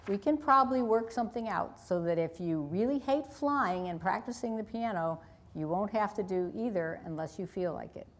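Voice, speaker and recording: A gentle mother soothes her daughter and offers to work things out, as a woman reading aloud gives her voice. She speaks reasonably and calmly at a mid pitch. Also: moderate pace, natural voice. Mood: reassuring.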